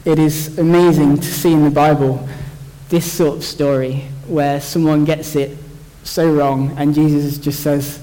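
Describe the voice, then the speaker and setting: Young guy chatting through a bible passage, kinda high voice, lots of restarts, big echoey hall. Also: flat delivery, a little slow, dark tone. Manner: chatty, jokey, thinks aloud with restarts. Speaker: church speaker. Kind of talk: informal Bible talk. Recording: long hall reverb.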